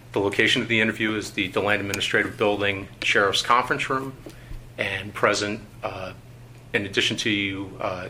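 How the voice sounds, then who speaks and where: Old interrogation tape, guy reading the rules flat and bureaucratic, lots of uhs, low-ish voice. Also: slight background noise, low-quality recording. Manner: reads procedure in a measured, bureaucratic tone with frequent "uh"s. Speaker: internal affairs investigator. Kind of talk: formal official interview. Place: conference room. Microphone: tabletop recorder.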